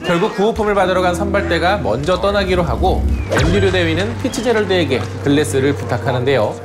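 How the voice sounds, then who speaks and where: A man narrating a scripted film review and recap in an expressive storytelling way. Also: high-pitched. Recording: clear background music under voice-over.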